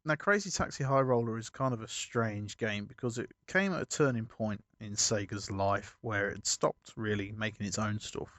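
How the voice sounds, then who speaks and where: Rambling man, low voice. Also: normal speed, hardly any pauses, a bit bright, dry recording, clean studio sound. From United Kingdom. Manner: rambling storyteller, chuckles, self-corrects. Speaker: podcast co-host. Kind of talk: casual podcast chat.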